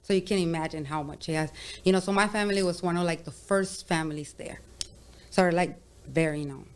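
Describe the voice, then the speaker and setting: A woman's voice: fairly low pitch, fairly quick, clean tone. A young woman from Sonora, Mexico, chatting openly as a podcast guest, full of "like" and "you know". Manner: open, chatty, says "like" and "you know" often. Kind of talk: casual interview chat.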